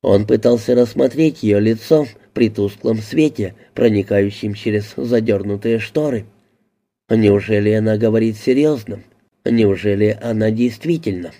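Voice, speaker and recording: Audiobook narrator, male, low and very dark, measured reading. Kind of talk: scripted narration.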